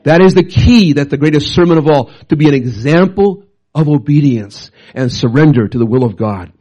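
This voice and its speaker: A middle-aged man, a pastor telling stories in an excitable, animated sermon. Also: a little fast. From Canada. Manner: animated, excitable, jumps up and down in pitch. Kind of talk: storytelling sermon.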